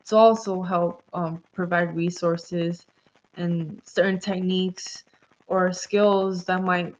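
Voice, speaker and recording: A woman's voice: fairly low pitch, fairly even intonation, slow pace, darkish tone. A woman guest heard over a call line, answering in a rambling way full of fillers and self-corrections. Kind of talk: casual interview answers. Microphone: video call. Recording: dull lo-fi call audio.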